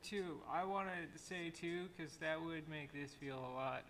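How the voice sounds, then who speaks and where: Man, streamer, casual chat, self-deprecating, slightly raised pitch, faint noise. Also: unhurried, a bit bright. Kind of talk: casual gameplay commentary.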